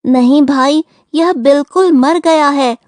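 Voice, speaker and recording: A crafty tortoise friend, high-voiced and slow-spoken. He is part of a storybook audio play, recorded dry and close. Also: a little mellow, no room sound. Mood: fake grieving.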